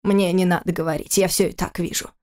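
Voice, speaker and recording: A woman's voice: on the low side, little pitch movement, quick pace, dark tone, lightly acted. A woman reading an audiobook voices an older housekeeper who talks in a matter-of-fact, scolding way.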